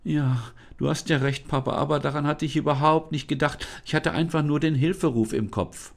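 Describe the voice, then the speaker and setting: A man voicing an eager, curious young girl in a storybook reading, speaking brightly and lively. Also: a little high, moderate pace, creaky, pitched above the performer's own voice.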